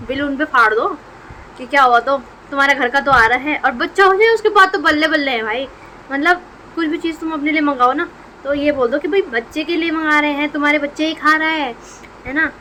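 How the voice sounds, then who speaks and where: A woman's voice: high voice, bright, forceful tone, a little hiss or hum, poor audio. A young woman vlogger in her twenties with a Hindi accent, chatting jokingly to her viewers at home. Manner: joking, chatty, addresses friends. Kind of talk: casual vlog chat.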